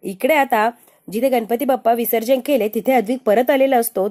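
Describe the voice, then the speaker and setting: A woman narrating a television serial episode recap in a steady storytelling manner. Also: a little high. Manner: steady present-tense storytelling.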